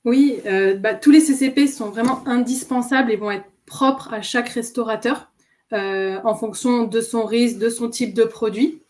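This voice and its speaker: Higher-voiced woman, food safety expert. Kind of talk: guest expert in a webinar.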